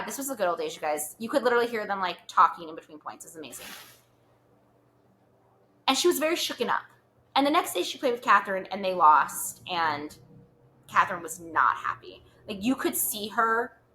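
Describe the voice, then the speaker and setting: A woman's voice: mid-range voice, bright, forceful tone, slight background noise. A woman hosting a podcast, telling stories in a chatty, gossipy way full of "like" fillers. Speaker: podcast host. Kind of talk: casual gossip chat.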